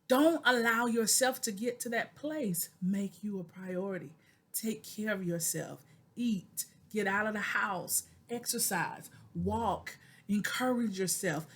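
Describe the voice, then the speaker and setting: A woman's voice: fairly high pitch, husky. Earnest woman in her forties vlogging. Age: 40s. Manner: earnest, preacherly, repeats phrases for emphasis; addresses viewers directly as "y'all". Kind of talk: personal video diary.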